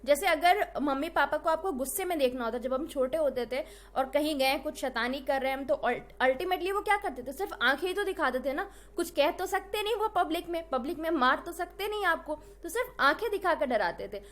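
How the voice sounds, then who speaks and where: High-voiced woman teaching a lecture. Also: lively intonation, a little fast, hardly any pauses, a bit bright. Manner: explains with everyday examples, mixes Hindi and English; checks in with "right?" and "ठीक है?". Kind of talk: exam-prep lecture.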